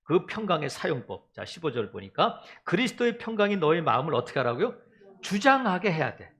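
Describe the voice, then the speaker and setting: A man's voice: a little high, big pitch swings, brisk, fairly bright tone. A pastor preaching a sermon and acting out quoted voices as he tells the story.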